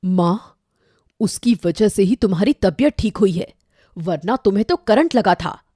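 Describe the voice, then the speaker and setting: Woman voicing a calm young son. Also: medium pitch, unhurried, husky, dry recording, studio quality, voice pushed down. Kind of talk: cartoon voice acting.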